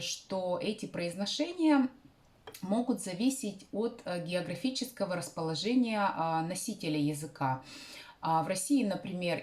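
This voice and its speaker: A woman hosting a sewing channel, explaining a craft tutorial carefully, often pausing with hesitation sounds. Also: mid-range voice, a little mellow.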